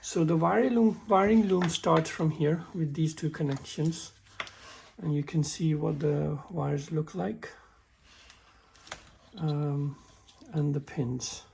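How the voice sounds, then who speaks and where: A man walking through a car repair in a halting, casual way, often stumbling and restarting his sentences. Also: fairly high pitch, fairly even intonation, vocal fry, darkish tone, a little hiss or hum. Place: workshop with a work table.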